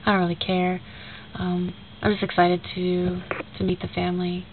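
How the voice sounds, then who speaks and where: A young woman with a cold speaks at a moderate pace in a monotone voice on the low side, sounding stuffy and nasal. Rambling casually in a video message to a friend, she retells a conversation with lots of fillers, and faint hiss runs through the tinny lo-fi audio.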